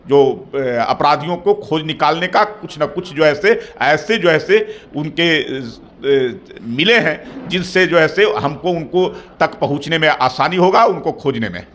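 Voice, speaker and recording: A middle-aged man answers interview questions as a party spokesperson. His voice sits fairly high and bright, and he talks in measured phrases with repeated fillers. He builds toward firm, emphatic claims. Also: animated. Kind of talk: formal political interview answers.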